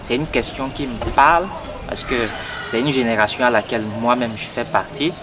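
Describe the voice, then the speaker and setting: Over music on a noisy street, a Togolese man in his twenties, a young party activist, delivers an earnest political statement for an interview. He talks fairly quickly in a mid-range voice and keeps stumbling over fillers and repeated words.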